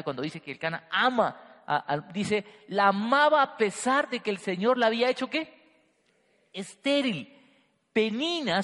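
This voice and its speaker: A man preaching a sermon to a congregation, swinging between loud emphasis and quiet, hushed lines. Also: high voice. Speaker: pastor. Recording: long hall reverb.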